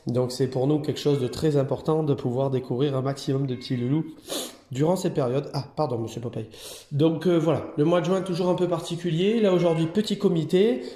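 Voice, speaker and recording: Vlogging from the cat hotel he runs, a man talks in a chatty way with a dark tone and fairly even intonation, speaking a little fast. Every so often he raises his voice into baby talk for the cats, and the sound is roomy.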